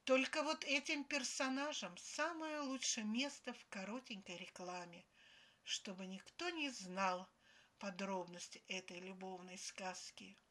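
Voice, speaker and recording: A woman's voice: medium pitch, steady tone, measured pace, bright, forceful tone. A woman voicing a smug young man who lectures his girlfriend in a condescending tone. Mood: lecturing.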